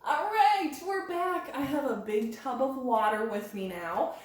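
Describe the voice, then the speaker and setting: A woman with a high voice leads an interactive children's storytime, sing-song and encouraging as she puts questions to her young listeners. The recording is very echoey and roomy, with a little hiss or hum.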